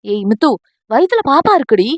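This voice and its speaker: A woman's voice: high-pitched, sing-song, a little fast, dry recording. A woman voicing a cheerful, doting young husband in an audio novel, speaking affectionately. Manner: teasing, affectionate.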